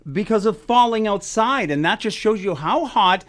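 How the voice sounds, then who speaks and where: A man's voice: high voice, expressive, normal speed, fairly bright tone, no room sound. A man hosting a morning radio show, reading odd news stories with wry, chatty asides into a studio mic.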